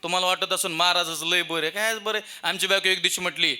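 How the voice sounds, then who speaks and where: Kirtan preacher, man, rural Marathi accent, very bright, lively comic storyteller. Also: high voice, quick pace, clear, resonant tone. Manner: comic storytelling, acting out voices. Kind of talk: humorous devotional sermon. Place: temple festival stage.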